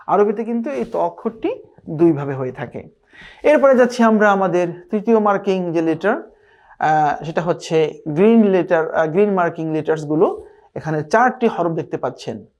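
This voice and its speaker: A man with a Bangladeshi Bengali accent teaching Arabic letter pronunciation in an online lesson. He speaks slowly and patiently, repeats each sound several times and often pauses on a drawn-out "ah". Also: high-pitched, expressive, darkish tone. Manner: frequent drawn-out "ah" fillers. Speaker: Quran recitation teacher.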